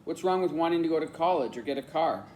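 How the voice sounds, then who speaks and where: Brief: lively chatty boy of twelve, teasing, quick to talk; a man voices him in an audiobook. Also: a little high, a little hiss or hum, close to an everyday voice.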